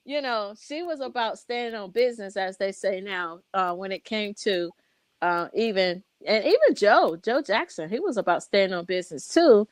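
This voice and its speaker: A woman's voice: mid-range voice, expressive, moderate pace, no room sound. A woman co-hosts a radio talk show in a casual, reflective way. She laughs often between points. Her voice sounds dry and close. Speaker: radio co-host and music director.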